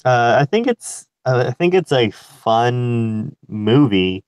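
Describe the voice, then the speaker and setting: A man's voice: medium pitch, expressive, slow, darkish tone, clear, resonant tone, no echo. A young man co-hosting a casual movie podcast, speaking hesitantly with many fillers and a dry sense of humor. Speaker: podcast co-host.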